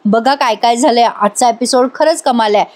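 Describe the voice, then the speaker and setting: A woman's voice: a little high, moderate pace. A woman reviewing a TV serial in a voice-over, retelling scenes and chatting directly to viewers.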